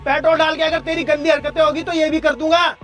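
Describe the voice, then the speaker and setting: A man's voice: very high-pitched, level tone, quick pace, over music. A man acting a furious husband who scolds and threatens his wife in a staged outdoor skit. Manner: shouting, scolding, menacing. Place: outdoors in a park.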